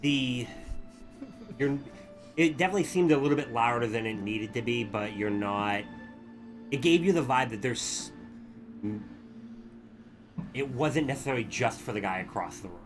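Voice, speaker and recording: A man working as game master, improvising tabletop game narration in a halting way. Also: medium pitch, animated, over music. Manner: halting, piecing descriptions together.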